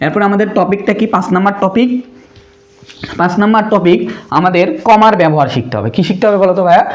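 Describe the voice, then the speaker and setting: A man's voice: sits high, darkish tone, highs cut off. A young man teaching a primary school math lesson, asking the pupils questions and answering them himself in a casual, brotherly way. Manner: slows to spell out numbers.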